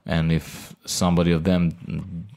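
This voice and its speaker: Deep gravelly man hosting an interview. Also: flat delivery, darkish tone. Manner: curious, halting questions. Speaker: podcast host. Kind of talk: casual interview.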